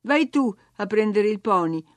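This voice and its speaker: A woman's voice: medium pitch, lively intonation, a little slow, no room sound, close to an everyday voice. A woman voicing a spoiled, imperious young girl who gives orders and grows indignant, in a storybook reading. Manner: bossy, indignant, whiny.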